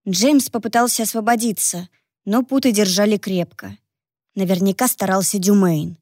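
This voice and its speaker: A woman reading a novel aloud as narrator, in an even, measured way. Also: mid-range voice, no echo, clean studio sound. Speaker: audiobook narrator. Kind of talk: scripted narration.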